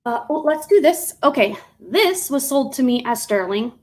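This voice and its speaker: Woman, casual live-stream seller, slightly high pitch, rambling, fillers and self-corrections. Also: lively intonation, moderate pace, low-quality recording.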